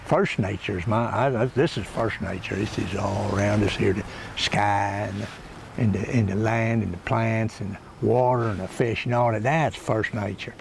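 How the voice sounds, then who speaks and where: Man doing a rustic backwoods guy, gravelly voice, meandering comic monologue, chuckling to himself, outdoors. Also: lowish voice, darkish tone, slight background noise. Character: rambling rustic backwoods man, folksy and cranky. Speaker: comedy monologue host. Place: outdoors by water.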